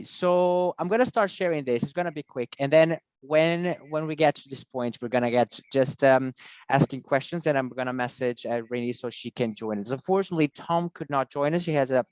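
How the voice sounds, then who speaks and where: A man's voice: medium pitch, clear, resonant tone, dry recording. Man hosting online meeting, dry close sound. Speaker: meeting host. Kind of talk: informal online presentation. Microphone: video call.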